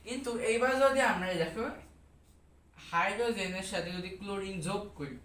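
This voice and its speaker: A woman's voice: mid-range voice, brisk, a bit bright. A woman teaching a school science lesson, asking questions and repeating the answers to her pupils. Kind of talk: classroom lesson. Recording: echoey room, distant mic.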